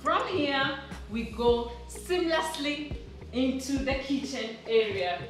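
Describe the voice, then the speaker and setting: A woman's voice: high-pitched, animated, slow. Gushing woman, roomy and echoing. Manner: gushing, delighted and admiring. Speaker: home makeover presenter. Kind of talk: makeover reveal vlog narration. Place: indoors in a house, walking between rooms. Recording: roomy echo, distant mic, background music. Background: music.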